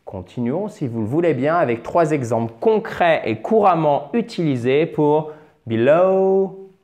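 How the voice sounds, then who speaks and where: A man's voice: fairly high pitch, animated, normal speed, a little mellow. A man teaching English pronunciation in French, patiently repeating and drilling words, with chatty asides and self-corrections. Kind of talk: French-language English lesson at a board.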